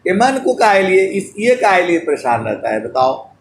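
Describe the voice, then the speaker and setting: Male preacher, devotional sermon, slow chanted verses, fairly high voice, roomy echo, faint background. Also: big pitch swings, slight background noise. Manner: slow drawn-out chanting of verses between spoken teaching; addresses listeners fondly as dear devotees. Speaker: spiritual preacher.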